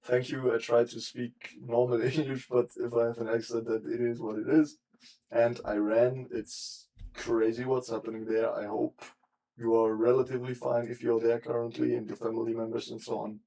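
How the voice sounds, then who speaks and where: A young man streams while working, thinking aloud in rambling, trailing-off sentences through a desk mic. His mid-range voice has little pitch movement, vocal fry, and a dark tone, at normal speed. The audio is poor.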